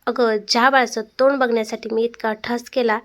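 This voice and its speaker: Woman doing an aunt, stern, commanding, storybook reading, fairly high voice. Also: flat delivery, brisk, a bit bright, close to an everyday voice. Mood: angry. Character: older aunt, stern and wounded. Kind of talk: storytelling read-aloud.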